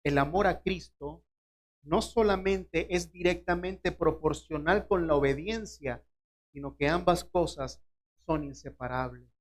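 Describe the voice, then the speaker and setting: A man preaching a sermon, asking the listeners direct questions and now and then acting out short dialogues from scripture. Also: high voice.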